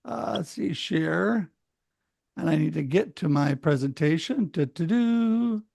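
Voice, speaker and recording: The audio is close and dry, free of room echo, as a middle-aged Oregonian shares his story over a video call. He talks casually and with animated energy, acting out others' words in a fairly high voice that is creaky and slightly rough, at a measured pace.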